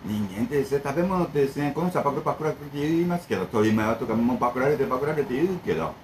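A man chats casually to camera, rambling from one complaint to the next and back to advice. His mid-pitched voice swings widely up and down as he talks, and a faint hum of background noise sits under it. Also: rapid-fire, poor audio. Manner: rambling, animated, jumps between complaints and advice. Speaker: bento shop owner and channel host.

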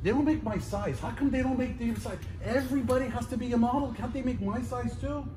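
A man's voice: very high voice, mellow. Chatty man touring an echoey warehouse. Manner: chatty and playful, lists items in quick repeats. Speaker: auctioneer giving a warehouse tour. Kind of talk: casual walking tour, talking to camera. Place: large warehouse indoors. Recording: roomy warehouse echo, faint background noise.

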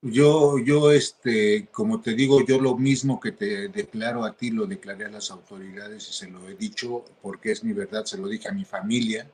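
A man answering interview questions in a hesitant, halting way, with many restarts. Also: lowish voice, steady tone, a little mellow. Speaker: interview guest.

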